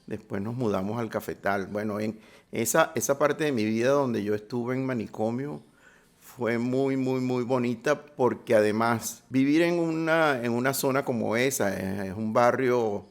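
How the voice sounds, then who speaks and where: Older man, gravelly low voice, halting storytelling, interview guest. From Venezuela. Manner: reminiscing, halting with restarts. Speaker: guest, sound designer.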